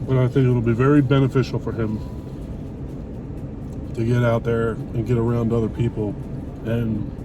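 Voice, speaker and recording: Talking casually with his wife over a meal, this middle-aged vlogger has a medium-pitched voice with a flat delivery, normal speed and frequent pauses. He sounds blunt and opinionated and swears lightly. The recording comes from a distant mic, with loud traffic and car noise.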